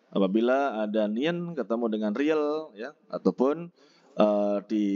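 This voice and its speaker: Man, vocabulary lesson, unhurried, dull lo-fi recording. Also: medium pitch, darkish tone. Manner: slow, explanatory, repeats words and pronunciations. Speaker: Korean language teacher.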